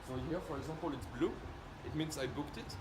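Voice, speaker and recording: This man's voice sits a little high and moves briskly as he, a company presenter with a French accent, demonstrates a product informally. He lays things out one step at a time, often tagging a question onto his points to make sure listeners are following. He is recorded in an echoey room with heavy background noise.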